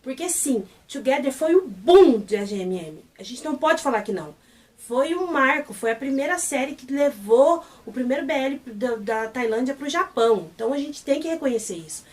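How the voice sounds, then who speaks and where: A Brazilian woman hosts a casual review vlog and retells the story in a gushing, excitable way. Her voice sits a little high. She is set back a little from the microphone. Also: moderate pace, distant mic. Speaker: channel host reviewing a series.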